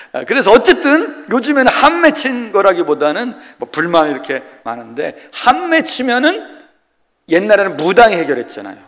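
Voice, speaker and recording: Older male pastor in his 60s, from Chungcheong, fairly high voice, folksy joking sermon, questions the pews, church-hall reverb. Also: wildly swooping pitch, moderate pace, fairly bright tone. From Korea, Chungcheong region. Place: church sanctuary.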